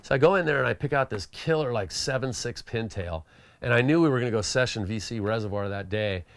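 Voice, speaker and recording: A man's voice: mid-range voice, fairly quick, a little hiss or hum. A man, a pro skateboarder, telling a casual anecdote, acting out the dialogue and filling his talk with "you know" and "like". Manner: animated, acts out quoted dialogue. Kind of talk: storytelling anecdote.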